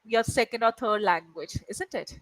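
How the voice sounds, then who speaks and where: An English tutor from India, a woman whose first language is Malayalam, runs a video-call lesson at a moderate pace in a slightly high voice. Encouraging throughout, she checks in often with "right?" The recording quality is low.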